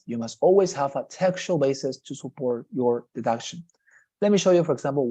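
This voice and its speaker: A man's voice: medium pitch, dark tone. A man with a Spanish accent teaching English test strategies in an online class, explaining patiently and repeating his key points.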